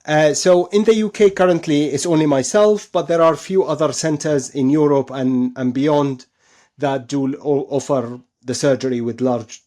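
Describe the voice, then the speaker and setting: A man appears as an expert surgeon guest in an interview, explaining things and often repeating and rephrasing himself for emphasis. His voice is a little high and mellow, with fairly even intonation at normal speed.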